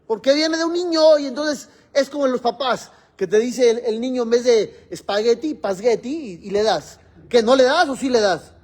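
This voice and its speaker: A man's voice: very high-pitched, normal speed. A man, a rabbi teaching a religious class in a classroom, explaining step by step and quizzing his students.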